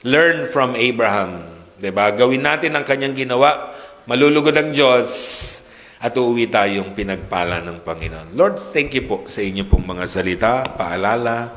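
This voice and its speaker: A man's voice: medium pitch, animated, normal speed, fairly bright tone, in a large hall. A male pastor giving a sermon, talking to the congregation in a chatty way, full of rhetorical questions and switching between English and Tagalog. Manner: conversational preaching, constant rhetorical "di ba?", mixes English and Tagalog. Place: church worship hall.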